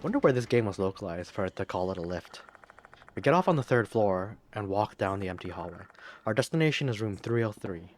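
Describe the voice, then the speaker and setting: Low-voiced man reading a horror game. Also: animated, brisk. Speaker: let's play gamer. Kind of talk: reading game text aloud with casual comments.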